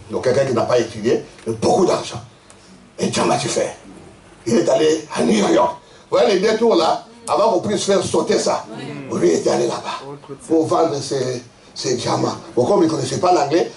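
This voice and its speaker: A man preaching a lively sermon as pastor, telling stories with frequent laughter and quizzing his congregation. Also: on the high side. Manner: animated storytelling, laughing often, quizzing the congregation. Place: church hall. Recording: echoey church hall, mic at a distance.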